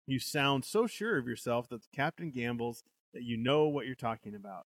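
A man's voice: medium pitch, animated, normal speed, no room sound. A young man co-hosting a show, reading a gamebook aloud with banter and frequent laughs. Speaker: podcast co-host reading a gamebook.

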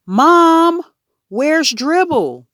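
A woman voicing an anxious boy of about nine who shouts and pleads urgently. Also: mid-range voice, animated, slow, no echo, studio quality, pitched above the performer's own voice. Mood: alarmed. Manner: urgent, rising to yells.

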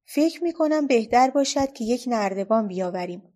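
A woman voicing a bold, cheeky young girl in a storybook reading, lively and bossy. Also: a little high. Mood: playful.

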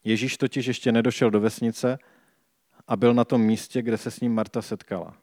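A man reading a Bible passage aloud and reflecting on it in a calm, measured way. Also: medium pitch, dry recording, studio quality. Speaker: scripture reader and preacher.

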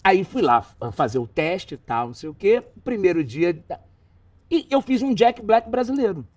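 A middle-aged Brazilian man with a Brazilian Portuguese accent, a talk show guest telling animated anecdotes in casual chat and swearing freely. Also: sits high, normal speed, no echo, far from the mic.

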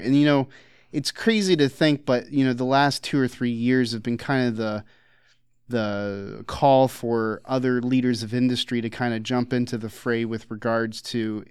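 A man's voice: medium pitch, clear, resonant tone, no echo, clean studio sound. A man co-hosting a casual podcast, rambling through his points with lots of fillers and restarts. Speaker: podcast co-host. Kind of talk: casual conversational podcast chat.

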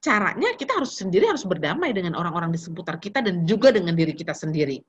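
A woman's voice: fairly low pitch, very animated, racing, slightly rough, dull audio. A woman in her fifties giving a casual sermon to young people, telling personal stories and mixing slang with English words. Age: 50s. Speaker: preacher speaking to young people.

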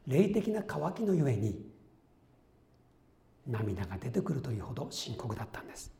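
A man preaching a sermon as pastor, earnest, rising to loud exclamations and dropping to soft whispered asides. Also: medium pitch, big pitch swings, normal speed, creaky. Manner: quotes voices and his own notes conversationally.

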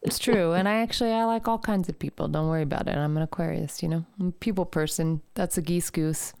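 A woman's voice: lowish voice, fast talker, vocal fry, a little mellow, clean tone, no echo. A woman co-hosting a podcast in casual chat, dry and joking as she reads the stars. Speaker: podcast co-host and astrologer.

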